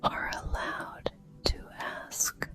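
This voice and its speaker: A woman gives a whispered ASMR pep talk of affirmations in a soft, breathy, deliberate and reassuring way, with pauses between phrases.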